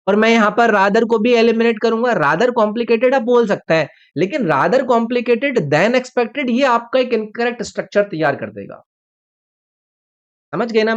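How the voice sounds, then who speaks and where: A man teaching an online exam-prep English lesson. He explains each point step by step, keeps asking the viewer questions, and reads the example sentences slowly and deliberately. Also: sits high. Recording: slightly dull lo-fi recording.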